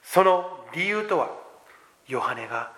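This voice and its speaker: A male pastor with a slightly high voice delivers a sermon in an earnest, testimonial manner. He swings sharply between hushed, almost whispered phrases and loud, emphatic lines, with measured pauses between thoughts. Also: expressive.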